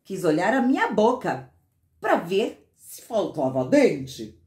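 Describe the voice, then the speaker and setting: Brief: woman storyteller for children, slow and unhurried, lively sing-song delivery, roomy echo. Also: medium pitch. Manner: expressive, sing-song, with dramatic pauses.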